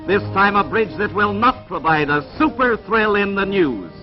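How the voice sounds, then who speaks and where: A man narrating an old 1940s newsreel in a dramatic, booming announcer style. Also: very animated, moderate pace. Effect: old 1940s newsreel soundtrack. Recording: muffled old film sound under loud music.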